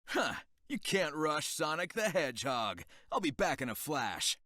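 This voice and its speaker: An actor playing a cocky, carefree young hedgehog hero with a breezy manner in a video game. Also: male voice, fairly high pitch, very animated, measured pace, no room sound, clean studio sound, exaggerated voice. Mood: confident. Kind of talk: video game cutscene acting. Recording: loud music behind the voice.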